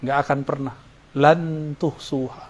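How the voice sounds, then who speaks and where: A man's voice: a little high, fairly even intonation, a little slow. A man, teaching a religious study lecture in a casual, joking manner with frequent Arabic phrases. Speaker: Islamic preacher.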